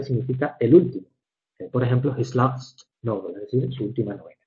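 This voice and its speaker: A man teaching English grammar in a recorded lecture, measured and methodical, slowing down to read examples and correcting himself with fillers. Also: mid-range voice. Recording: dull lo-fi recording.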